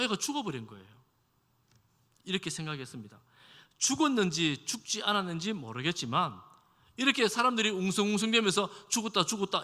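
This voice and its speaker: A man's voice: high voice, sharp tone. A male pastor giving a conversational sermon in a church, asking the congregation questions and acting out quoted speech. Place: church sanctuary. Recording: long hall reverb.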